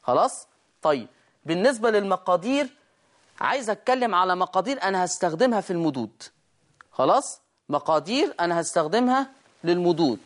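A high-pitched, sing-song male voice with an Egyptian Arabic accent guides an online tajweed lesson on basic Quran recitation. He works step by step, stretches out verses in slow chant to show every rule, and frequently asks "right?" to check that listeners are keeping up.

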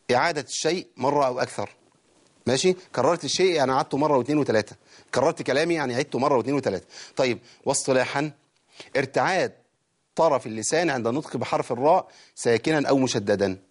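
A man with an Egyptian accent teaching Quran recitation rules. He often asks a question and answers it himself, and he demonstrates the sounds as he goes. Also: medium pitch. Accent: Egyptian Arabic. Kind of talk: lecture on recitation.

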